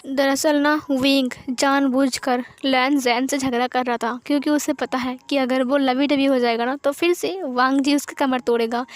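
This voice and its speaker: Woman casually reading out a fan story, chatty, high voice. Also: no room sound. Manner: chatty, uses filler "ना". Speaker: fanfiction reader.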